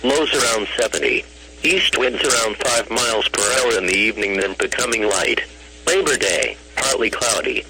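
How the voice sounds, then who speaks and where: A scripted weather report comes over the radio in a computer-generated male voice, mid-range, flat and formal, delivered in short clipped bursts. It is an automated weather announcer, and the broadcast audio hums with noise.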